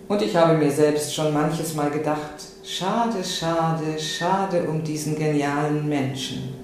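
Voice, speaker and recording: A patronising older gentleman, smooth and slow, drawing out his words with condescension, as a woman reading aloud puts him on. The voice rings out in a very echoey room, with a faint ambient hum behind it. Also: deep voice, fairly even intonation. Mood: condescending. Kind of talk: literary reading.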